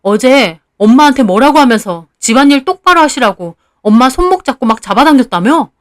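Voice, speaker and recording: A woman's voice: high-pitched, animated, fairly quick, no room sound, studio quality. A woman voicing a reproachful, irritated young husband who sighs and questions.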